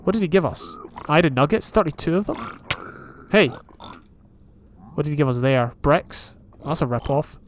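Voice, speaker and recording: On the high side and animated, the young Scottish man speaks unhurriedly with long pauses over a little hiss or hum. He's a gaming YouTuber giving chatty Minecraft let's play commentary, thinking aloud and reading advancements as he plays.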